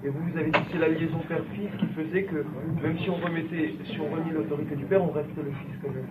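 A male student speaks quickly, with a fairly high voice, as he puts a challenging question to his teacher. He sounds distant from the mic, and the recording is thin and tinny with loud noise over it. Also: steady tone. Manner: questions the teacher about a contradiction. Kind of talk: question in class.

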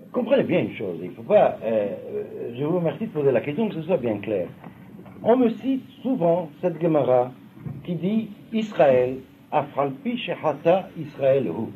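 A man teaching a Talmud class, explaining at length and often checking that his students follow. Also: fairly high pitch. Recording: tinny lo-fi recording with faint noise.

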